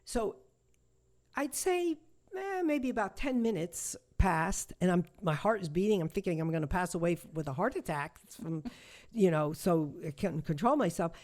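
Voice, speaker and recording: A woman with a somewhat low voice speaks as an interview guest. She tells a personal story with feeling, stumbling, restarting and repeating herself as she goes. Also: lively intonation, a little mellow. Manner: halting, emotional, many restarts and repetitions. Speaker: shamanic healer guest.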